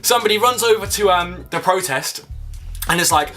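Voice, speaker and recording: A man's voice: high-pitched, normal speed, bright, forceful tone, faint music behind. A young man chatting casually to camera, telling a rambling, sweary story. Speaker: vlogger.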